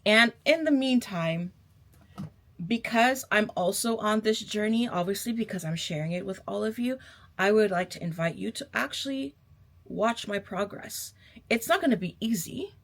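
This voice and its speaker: A woman's voice: mid-range voice, expressive, normal speed. A young woman talks straight to her viewers in a casual motivational pep talk, her voice in a middle range. She is sassy and emphatic, hammering points home by repeating them and tossing in a pet name like babe. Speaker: vlogger giving a pep talk.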